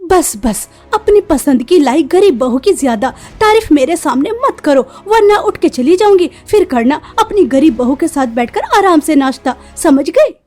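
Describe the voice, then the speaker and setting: A woman's voice: high-pitched, very animated, a little slow, darkish tone. A woman voicing a strict middle-aged mother-in-law in a cartoon story, bossy and scolding. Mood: irritated.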